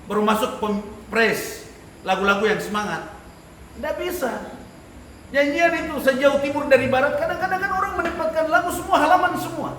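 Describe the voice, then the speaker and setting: An animated man with a high voice teaches a church class on leading worship. He often checks in with his listeners and laughs. He sounds distant, in an echoey room with clear background noise. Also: fairly quick. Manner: animated, rhetorical questions to the class, frequent laughter. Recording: echoey room, mic far off, noisy.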